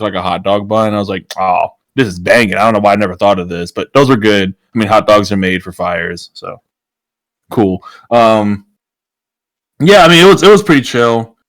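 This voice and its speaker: A man's voice: lowish voice, a bit bright, no echo. A man co-hosting a podcast in casual chat, laughing often while he tells a loose story. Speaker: podcast co-host.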